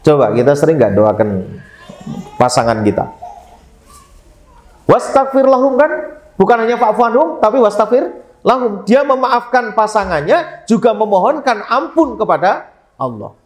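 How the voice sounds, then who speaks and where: A man preaching a sermon in a lively, joking way. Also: sits high, moderate pace, reverberant. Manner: lively, joking with Javanese phrases.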